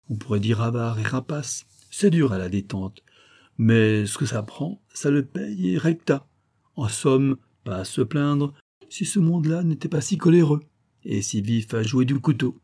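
A man's voice: medium pitch, mellow, pitched above the performer's own voice. A man reading aloud as a talkative Paris wine-shop keeper in a storybook. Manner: gossipy, talkative. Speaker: audiobook reader.

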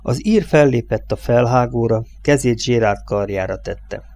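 A man narrating a novel as an audiobook, reading in a measured, steady way. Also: mid-range voice. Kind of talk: scripted narration.

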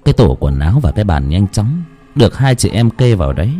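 A man's voice: fairly low pitch, very animated, fast, music in the background. A man who chats casually with listeners and then reads a horror story aloud in a grave, dramatic voice. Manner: chatty and joking in the intro, grave when reading.

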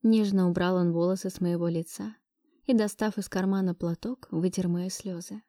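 Mellow woman reading a romance audiobook. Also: fairly low pitch, fairly even intonation, moderate pace, dry recording, clean studio sound. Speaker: narrator. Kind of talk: scripted first-person audiobook narration.

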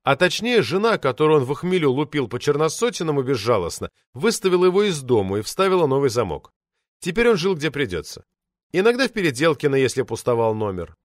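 A man's voice: on the high side, very animated, quick pace, no room sound. A man narrating a novel in the first person, with an ironic, storytelling manner on a close studio mic. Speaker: audiobook narrator.

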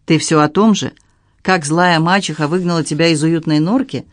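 A man's voice: on the high side, moderate pace, dry recording, natural voice. A man voicing a strict, cold middle-aged stepmother who speaks evenly and dryly. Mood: cold, stern. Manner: level, dry, coldly calm.

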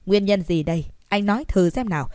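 A woman voicing an irritable old grandfather who scolds loudly, reading an audiobook story. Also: mid-range voice, a little fast, no echo, studio quality, lightly acted. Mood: angry scolding. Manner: angry, scolding, raised voice.

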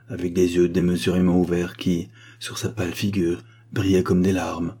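Reading literary fiction aloud, a man uses a low, dark voice with a husky, breathy quality. He keeps a measured, expressive pace, like an audiobook narrator telling a quiet story.

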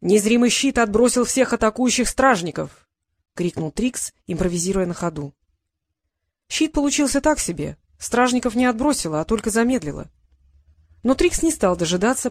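A woman narrating a fantasy audiobook, reading in an even and steady way. Her voice sits at a middling pitch, and the recording is close and dry. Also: no room sound.

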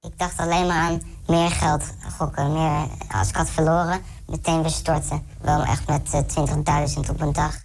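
A young man in a news interview clip, his voice distorted and pitch-shifted deep to hide who he is, speaking hesitantly and repeating words. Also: little pitch movement, moderate pace, vocal fry. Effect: voice distorted and pitch-shifted deep for anonymity.

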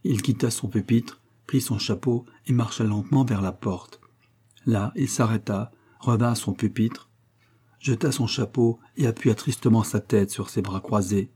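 A man reading a classic story aloud as audiobook narration, in a steady storytelling manner. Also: lowish voice, normal speed, slightly rough. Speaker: audiobook reader.

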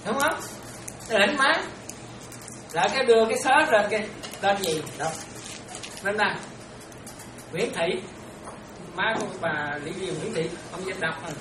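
A woman's voice: mid-range voice, lively intonation, normal speed, long pauses. A woman teaching in a Buddhist talk, chatty, often checking whether listeners follow and laughing now and then. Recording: echoey room, distant mic, noisy.

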